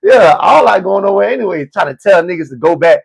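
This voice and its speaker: A man's voice: sits high, big pitch swings, quick pace, gravelly, breathy edge. A man hosting a live stream, ranting in profane, mocking commentary with stammered repeats. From United States.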